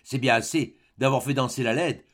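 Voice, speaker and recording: A man voicing a gentle, shy young peasant girl who talks softly and coaxingly in an audiobook. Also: medium pitch, brisk, natural voice. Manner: soft and coaxing.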